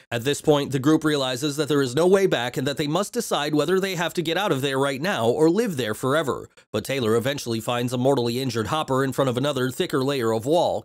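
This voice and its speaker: A man narrating a movie recap in a steady, even scripted read. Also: fairly high pitch.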